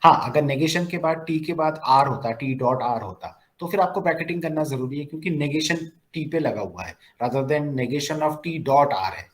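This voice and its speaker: In this recorded-screen classroom lecture on logic, a man speaks at a moderate pace in a fairly high voice, barely pausing, and the audio is poor. His delivery is lively, mixing in English phrases as he asks questions and then answers them himself.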